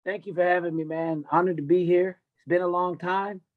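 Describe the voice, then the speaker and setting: An American MMA coach in his fifties, raised in Tennessee and California, tells his life story as a podcast guest. He is blunt, emphatic, and unfiltered, speaking fairly quickly in a high, flat voice. The audio sounds narrow and tinny.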